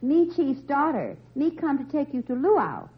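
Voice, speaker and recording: An actress playing an island chief's young daughter in a radio comedy sketch, speaking simple, solemn broken English. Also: female voice, high-pitched, very animated, a little slow. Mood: earnest deadpan. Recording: noisy muffled old radio recording.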